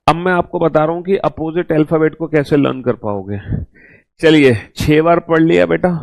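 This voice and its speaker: A male teacher leads a recorded class with a fairly high voice, drilling students on letters one at a time. He coaxes them along warmly. The sound is dry and close, with little room around it. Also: creaky, no echo. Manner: addresses students as beta, coaxing. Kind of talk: recorded online class lesson.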